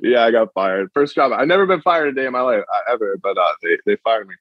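A man's voice: medium pitch, animated, quick pace, dry recording. A man in his twenties from Massachusetts talks casually as a band guest over an old flip phone line, stumbling and restarting his words often. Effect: talking over an old flip phone line. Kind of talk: casual interview chat. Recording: muffled lo-fi flip phone call.

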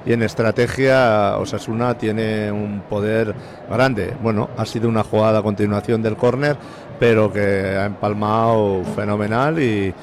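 Low-voiced man analysing football. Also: fairly even intonation, measured pace. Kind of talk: conversational live analysis. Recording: noisy background.

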